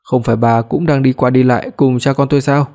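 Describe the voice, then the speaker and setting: Imagine a male storyteller voicing a stern older father who is gruff with his son. His voice is mellow and warm. He speaks plainly in a spoken family story. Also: medium pitch, fairly even intonation, a little fast, natural voice.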